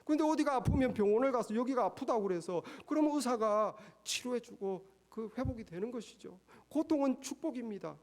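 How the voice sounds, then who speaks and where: A man preaching a sermon as pastor, emphatic and full of rhetorical questions, swinging between raised passages and quiet low asides. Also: animated, a little fast, few pauses.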